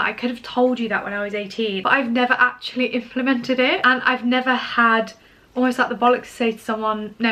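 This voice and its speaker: A woman's voice: on the high side, fairly bright tone. A woman, chatting casually to camera in an upbeat Q&A vlog, full of "like" and "do you know what I mean". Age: 20s. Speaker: lifestyle vlogger.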